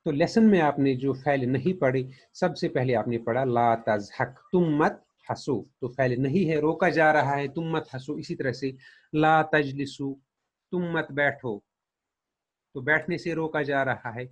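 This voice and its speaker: A man's voice: mid-range voice, measured pace. A man teaching grammar patiently, saying each example and then translating it. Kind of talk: explaining a lesson.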